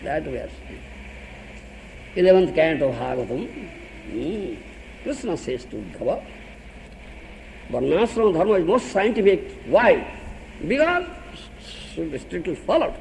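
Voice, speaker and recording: An older man with an Odia accent preaches in a high, gravelly voice that rises and falls with lively energy. He laughs often and keeps turning to his listeners with questions. Faint room noise sits behind him. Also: unhurried, pauses often, long reverb tail, rough recording. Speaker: spiritual teacher. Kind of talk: sermon.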